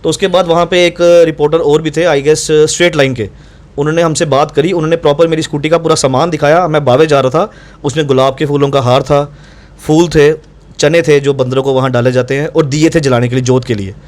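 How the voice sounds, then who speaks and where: Brief: young adult man, rapid and insistent account, voice on the higher side, reenacts the argument. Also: fairly even intonation, a little mellow. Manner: fast, insistent, reenacts dialogue. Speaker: doctor recounting incident to reporter. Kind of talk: animated first-person account.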